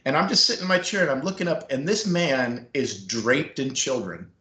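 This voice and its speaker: A man's voice: medium pitch, moderate pace, a little hiss or hum. A middle-aged man telling a long story in an interview, acting out what people said. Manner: animated storyteller acting out quotes. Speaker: former school staff member, guest. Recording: roomy echo.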